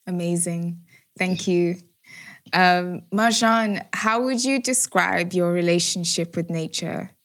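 A woman hosting an interview podcast, reading a measured introduction and asking questions. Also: on the low side. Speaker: podcast host. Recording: music under the voice.

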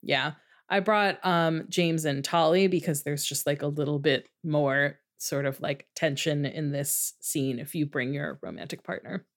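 A woman's voice: sits low, a little slow. A woman co-hosting a podcast, casually recapping a video game in a chatty way full of fillers and acted-out quotes. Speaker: podcast co-host.

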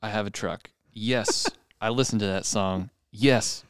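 A man's voice: fairly low pitch, measured pace, clean tone, no room sound, studio quality. A man co-hosting a casual podcast, chatting enthusiastically with listeners. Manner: enthusiastic, addresses listeners directly. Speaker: podcast co-host. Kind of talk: casual chat.

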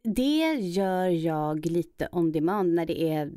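A woman impressionist and voice actor chatting in a casual interview, slipping into high put-on voices. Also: lively intonation, mellow, dry recording, studio quality.

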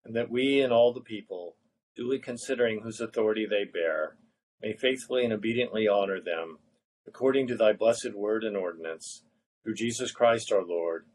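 Solemn low-voiced man leading evening prayer. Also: darkish tone, slight background noise, rough recording. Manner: solemn, measured reading. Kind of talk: liturgical prayer recitation.

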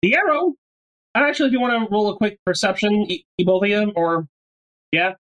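A woman with a medium-pitched voice runs a tabletop game. She narrates scenes casually in halting, reworked phrases and slips in jokes. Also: animated, highs cut off. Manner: halting, joking. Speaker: game master.

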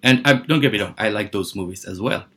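Husky, hesitant man from Bangladesh. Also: fairly low pitch, quick pace, sharp tone. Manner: hesitant, many fillers and restarts. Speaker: startup CEO guest. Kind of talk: podcast interview answers.

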